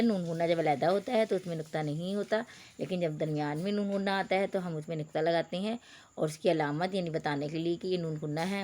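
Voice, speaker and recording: A woman teacher gives an online reading lesson for young pupils. She spells out letters one by one and repeats each word, calling the children beta. Her voice sits a touch low. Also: darkish tone. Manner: patient, spells out letters slowly.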